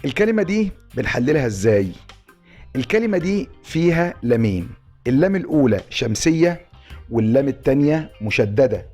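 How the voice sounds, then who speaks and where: A man with an Egyptian Arabic accent giving an online grammar lesson, explaining step by step and spelling out syllables slowly. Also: medium pitch, dark tone, reverberant.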